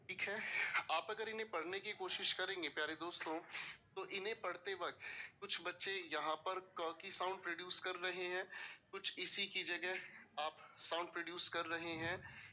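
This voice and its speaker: In a classroom-style video lecture, a man teaches English vocabulary, explaining in Hindi mixed with English terms and patiently asking students to repeat words. His voice is high-pitched and sharp, with fairly even intonation and a slightly slow pace.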